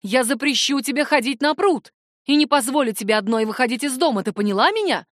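A woman voicing a stern, fearful middle-aged mother who scolds in a sharp, commanding way. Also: high voice, lively intonation, quick pace, no echo, clean studio sound.

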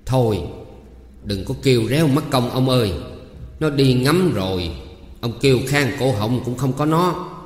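A man voicing a sharp-tongued old woman who scolds in a raised, shrill voice. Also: animated, unhurried, lightly acted. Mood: scolding. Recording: roomy with long reverb.

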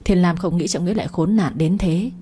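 A woman's voice: fairly low pitch, brisk, dark tone, slightly rough. A woman reading a story aloud, narrating and briefly voicing each character herself. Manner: reads every character herself with light voice changes.

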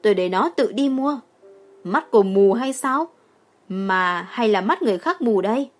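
A woman voicing a furious mother in her thirties who scolds loudly and shrilly, in an audiobook. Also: on the high side, lively intonation, normal speed, slightly rough, soft background music.

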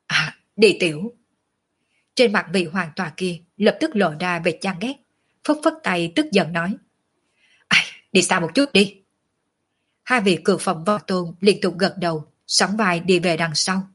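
A woman narrating a martial-arts novel as an audiobook, in a steady storytelling manner. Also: fairly low pitch, slightly rough.

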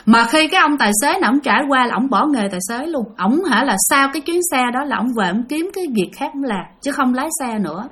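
A woman's voice: sits high, animated, fast talker, few pauses, a bit bright. A woman telling a ghost story in a chatty way, talking straight to her listeners. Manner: chatty, addresses listeners directly.

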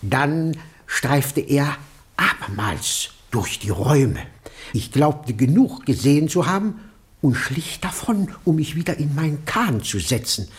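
In a German radio drama, a male actor plays an eccentric, awestruck eyewitness describing a ghostly sighting. His fairly high, animated, exaggerated voice is dramatic and halting, dropping into breathy, hushed passages.

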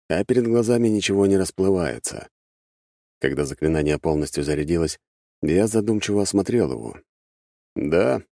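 Deep, mellow male storyteller, measured and wry, dry booth sound. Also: no echo. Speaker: audiobook narrator. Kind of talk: scripted first-person fantasy narration. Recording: dry close studio sound.

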